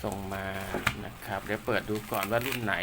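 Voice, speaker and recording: Setting up equipment, a man who works as a radio technician and seller shows off his gear in casual, polite, rambling hands-on commentary, partly muttering to himself. He speaks a little fast in a lowish, steady voice, and the recording is very noisy.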